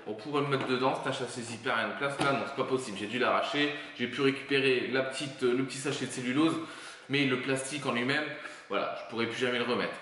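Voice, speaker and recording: A chatty man talks through a product review, pausing on fillers as he thinks aloud. His voice rings in a very echoey room with a long reverb tail and faint background noise. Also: medium pitch, sharp tone. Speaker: 3D printing YouTuber.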